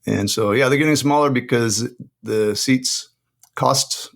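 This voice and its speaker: A man from Utah, a podcast guest, explaining things in a relaxed way with many filler words. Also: medium pitch, a little slow, creaky. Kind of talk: casual interview chat.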